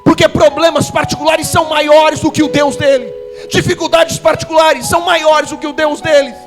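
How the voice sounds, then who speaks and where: A man preaching an impassioned Pentecostal sermon at a church service, swinging from hushed tones to shouted sing-song. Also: very high-pitched, fairly even intonation, normal speed. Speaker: evangelist preacher. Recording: music playing under the voice. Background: instrumental music.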